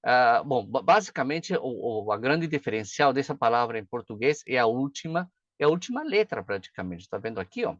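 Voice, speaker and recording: Chatty teacher, dull dry recording. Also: male voice, medium pitch, very animated, a little fast, few pauses, dry recording. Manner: chatty, frequent "tá?" and "né?" check-ins. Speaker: pronunciation teacher. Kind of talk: casual video lesson.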